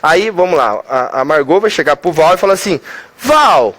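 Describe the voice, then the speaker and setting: A man with a Brazilian Portuguese accent teaching communication in an energetic lecture, acting out little dialogues and asking rhetorical questions. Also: on the high side, fairly quick. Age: adult, older sibling. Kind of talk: motivational lecture with acted examples.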